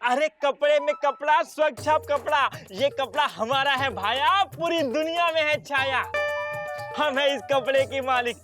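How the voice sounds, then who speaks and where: An actor playing a pushy shroud-cloth company salesman who pitches in rhymes, over background music. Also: a little slow. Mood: salesy. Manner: rhyming sales pitch, hustling. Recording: background music under dialogue.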